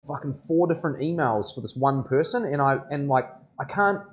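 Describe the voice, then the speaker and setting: A man's voice: fairly high pitch, animated, moderate pace. A man with a broad New Zealand accent chats casually on a livestream as a tattoo artist, in laid-back, slangy speech that often checks for agreement.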